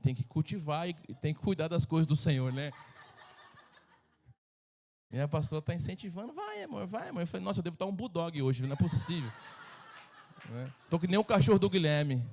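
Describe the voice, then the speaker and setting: A man's voice: fairly high pitch, brisk, pauses often, darkish tone. A middle-aged Brazilian man preaching as a pastor at a church service, joking and acting out voices from his stories. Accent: Brazilian Portuguese. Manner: humorous, acts out quoted voices. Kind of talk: sermon.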